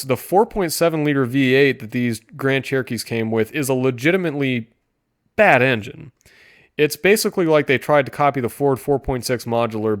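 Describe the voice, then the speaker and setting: A man giving sarcastic commentary, deadpan with mock-enthusiastic outbursts. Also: mid-range voice. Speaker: streamer reviewing car listings.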